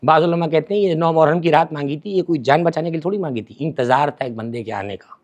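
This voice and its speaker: A man, a religious scholar, telling a story with feeling in a podcast interview. He swings between forceful and hushed delivery and repeats words for emphasis. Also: a little high.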